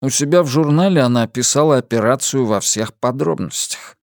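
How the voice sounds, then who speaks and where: A man's voice: mid-range voice, a little fast, a little mellow, no room sound, studio quality, close to an everyday voice. A man reading an audiobook, voicing a male police colleague in a raised, insistent voice. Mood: explaining.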